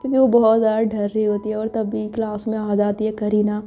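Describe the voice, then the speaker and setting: A woman's voice: mid-range voice, little pitch movement, a little fast, mellow. A woman narrating a story in a chatty, casual way full of fillers, on a dull lo-fi recording with faint music. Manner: chatty, filler-heavy retelling.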